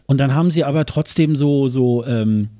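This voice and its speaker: A man's voice: medium pitch, normal speed, mellow, no room sound, studio quality. Hesitant man co-hosting a podcast. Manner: hesitant, many fillers and restarts. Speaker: podcast co-host. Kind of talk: casual chat.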